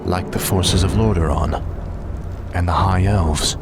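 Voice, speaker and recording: An actor playing an arrogant undead death knight, a fallen prince, commanding and menacing in a video game. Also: male voice, sits low, measured pace, loud music behind the voice. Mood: curious, impatient. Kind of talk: dramatic video game acting.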